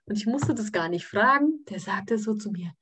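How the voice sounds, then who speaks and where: Husky-voiced woman telling a personal story. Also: medium pitch, animated, normal speed, a bit bright. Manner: hesitant, many fillers and restarts. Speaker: course participant.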